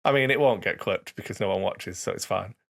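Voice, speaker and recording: A man's voice: low-pitched, a little fast, vocal fry, fairly bright tone. A man co-hosting a casual hobby podcast, talking in a dry, sarcastic way that stops and starts with fillers. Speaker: podcast co-host.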